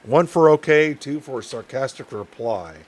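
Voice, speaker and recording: A young man talks over a game stream at a desk mic, his pitch sitting in the middle range for a man. He sounds tired and low-key, rambling and trailing off while he chats with viewers. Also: expressive, a little slow. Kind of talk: casual game stream commentary, reading dialogue aloud.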